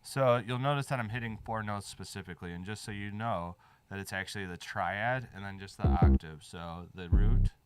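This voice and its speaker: A music producer chats casually in the studio while making a beat, explaining music theory step by step. His lowish voice moves at normal speed with few pauses, over slight background noise and loud music playing behind him.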